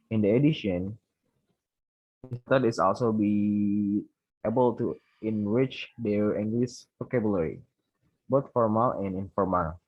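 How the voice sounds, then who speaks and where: Husky low-voiced young Indonesian man. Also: dry recording, muffled recording. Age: young adult. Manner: reads prepared points, halting with self-corrections. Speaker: university student presenter. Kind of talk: class presentation.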